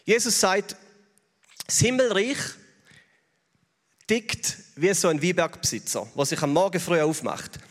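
A man's voice: sits high, animated, a little slow, long pauses. A man with a Swiss German accent preaching a sermon in a chatty way, often tossing in little tag questions to the congregation. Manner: conversational, with frequent tag questions. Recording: long reverb of a large hall.

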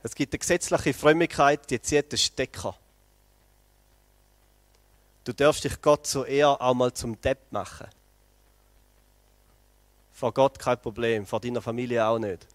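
A man preaching a lively sermon, telling the story with energy and speaking straight to the congregation. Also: medium pitch, measured pace, long pauses, no echo. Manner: animated storytelling, addresses the congregation directly.

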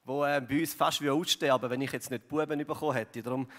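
A man's voice: medium pitch, steady tone, quick pace, fairly bright tone. A man with a Swiss German accent giving a conversational sermon as pastor, full of fillers and tag questions like "gell" and "oder". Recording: long hall reverb.

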